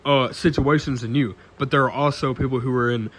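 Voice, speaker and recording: A nineteen-year-old man talking casually to camera in an earnest, halting way, full of restarts and fillers, often clearing his throat. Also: medium pitch, steady tone, a little hiss or hum. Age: late teens. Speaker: vlogger.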